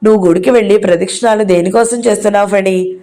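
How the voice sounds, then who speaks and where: A woman's voice: mid-range voice, fairly even intonation, fast, warm tone, lightly acted. A woman voicing a young mother who is firm but coaxing with her son in an audio novel.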